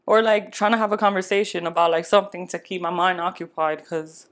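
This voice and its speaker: A woman's voice: fairly low pitch, steady tone, a little fast. Laughing, candid woman podcast co-host. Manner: laughs often, candid and playful. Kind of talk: casual chat.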